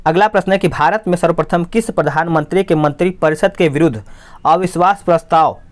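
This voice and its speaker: Male exam-prep tutor, somewhat high voice, brisk and repetitive explainer. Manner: quick, repetitive explaining, asks and answers himself. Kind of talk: quiz answer walkthrough.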